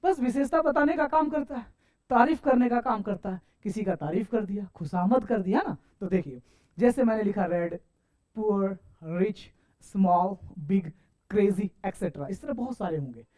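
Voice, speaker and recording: A man's voice: high voice, warm tone. A man teaching an English grammar lesson, asking his students questions and answering them himself, calling them sir. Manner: keeps addressing listeners as sir and saahab; stretches out English example sentences slowly.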